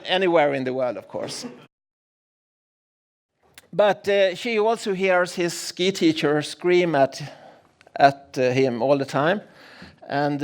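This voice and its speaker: Man giving a humorous keynote. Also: fairly high pitch. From Sweden. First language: Swedish. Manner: humorous, self-deprecating, with many restarts and fillers. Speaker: keynote speaker. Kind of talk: conference keynote storytelling. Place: large conference room.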